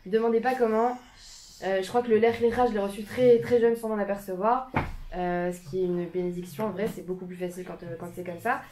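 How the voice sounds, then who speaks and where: A young woman in her twenties the suburbs, giving an informal talk to a small group in a community room, filmed by a camera. She hesitates often, restarts and fills pauses. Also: mid-range voice, fairly even intonation, mellow, a little hiss or hum. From France, Paris suburbs. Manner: hesitant, many fillers and restarts, self-conscious laughter.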